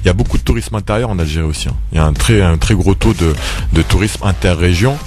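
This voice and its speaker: A man speaking as a guest in a casual radio panel discussion, quick and hesitant, with many restarts. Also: low voice, noisy background.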